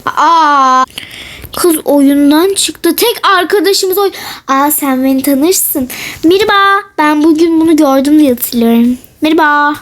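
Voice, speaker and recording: High-pitched, slow-talking young woman gamer. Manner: chatty, playful, often drawn-out and teasing. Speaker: gaming vlogger. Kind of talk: casual gameplay commentary.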